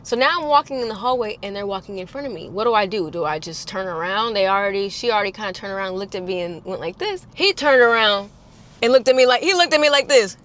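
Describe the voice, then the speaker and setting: A young woman telling a casual storytime, acting out quotes in a higher voice. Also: lively intonation, fast, a bit bright, slight background noise. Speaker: storytime vlogger.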